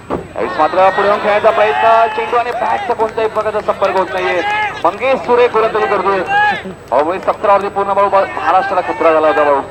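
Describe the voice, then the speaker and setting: This man's high voice comes through over background noise as he commentates live on local cricket outdoors at the ground. Speaking with a Maharashtrian accent, he goes over the score lines repeatedly and tosses chatty remarks to his listeners.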